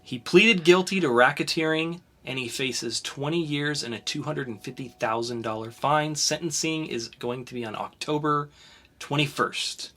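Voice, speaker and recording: As a podcast co-host, a young man chats casually through the week's news in a bright, forward, slightly high voice. His talk is loose, full of ums and restarts, and he speeds up in bursts whenever something excites him.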